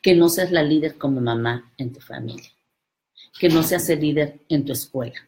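A woman giving a live motivational talk, emphatic and speaking directly to the listener. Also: sits low.

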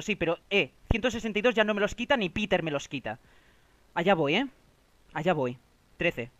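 A young man with a Spain Spanish accent and a high, lively voice, talking through his live game for viewers. He swears freely and reacts loudly. He sits close to the mic in a dry, deadened room. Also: no room sound, highs cut off. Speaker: streamer.

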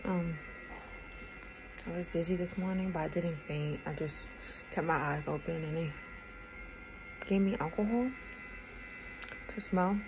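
A woman's voice: on the low side, unhurried, long pauses, music in the background. A young adult woman talking casually to her vlog, sounding weak and weary as she recovers from surgery, holding a phone at arm's length indoors. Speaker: vlogger. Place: small indoor rooms with bare walls. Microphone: phone held at arm's length. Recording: noisy handheld phone audio.

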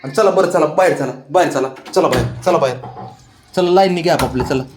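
A man's voice: fairly high pitch, fast, slight background noise. A man casually talking to his pet cats at home, coaxing them with affectionate baby talk. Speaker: pet owner vlogger.

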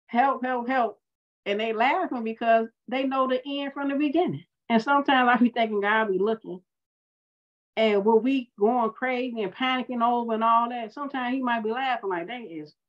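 Animated woman minister, dull lo-fi sound. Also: on the high side. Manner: animated, conversational storytelling with acted-out quotes. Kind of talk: sermon storytelling.

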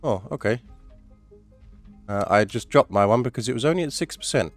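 A gaming YouTuber with a cold-stuffed, nasal voice rambles chattily through survival game commentary, swearing mildly. His mid-range voice is animated and brisk, with soft music playing behind him.

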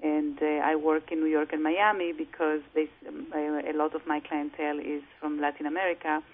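A woman's voice: sits low, little pitch movement. Woman on a tinny phone line. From Israel. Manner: measured, many fillers and restarts. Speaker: real estate broker, guest. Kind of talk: phone interview.

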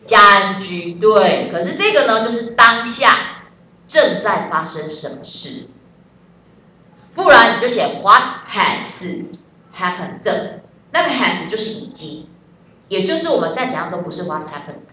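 A woman's voice: fairly low pitch, bright, forceful tone, roomy sound, distant mic. A woman with a Taiwanese Mandarin accent teaching an English class, chatty and joking, spelling words out letter by letter. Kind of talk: classroom lesson.

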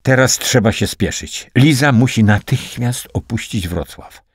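A man narrating a wartime spy novel as an audiobook in a steady, dramatic reading. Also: mid-range voice, a little slow, husky, no room sound, studio quality. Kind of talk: scripted narration.

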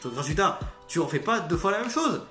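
A man giving a casual spoken review, rambling and excitable, swearing freely and bursting into loud outbursts. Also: fairly high pitch, fairly quick. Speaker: video critic. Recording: roomy echo, faint music behind.

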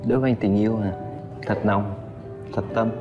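A man's voice: on the low side, fairly even intonation, fairly quick, lo-fi sound. A man on a dating show, terse and plain-spoken, answering in short phrases. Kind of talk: casual chat on a first date. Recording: studio sound with loud music.

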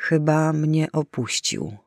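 A man's voice: on the high side, sing-song, slow pace, gravelly, no echo, heavily acted. A man voicing a distraught, bitter middle-aged mother in an audiobook, shaken and flaring into anger, recorded dry and close. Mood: stunned.

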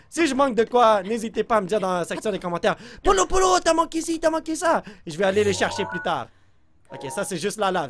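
An excitable man with a Québécois French accent, commenting on his own gameplay. His pitch leaps around in lively swings as he reacts loudly and chats to viewers, dropping in English exclamations. Faint game music plays underneath. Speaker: let's play host.

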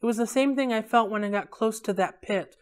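A woman's voice: on the high side, fairly quick, clear, resonant tone, natural voice. A woman voicing an earnest teenage boy explaining himself to powerful elders.

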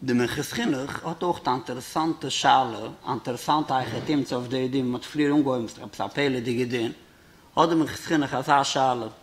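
A man's voice: mid-range voice, fairly quick. A man, a rabbi, giving a Torah lecture, reasoning aloud by posing questions and answering them.

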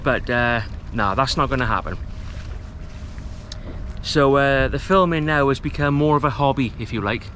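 A man in his thirties from Wales, chatting easily to the camera outdoors on a rocky estuary shore while he fishes, relaxed and self-deprecating. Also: medium pitch, normal speed, pauses often, a little hiss or hum. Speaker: fishing vlogger. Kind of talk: casual talk to camera. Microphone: camera mic, close framing.

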